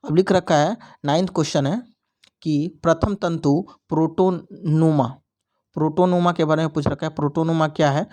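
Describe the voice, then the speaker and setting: Man, young, slightly high voice, biology teacher, repeats points, exam walkthrough. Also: fairly even intonation, moderate pace, darkish tone. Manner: repetitive explaining, mixes English terms.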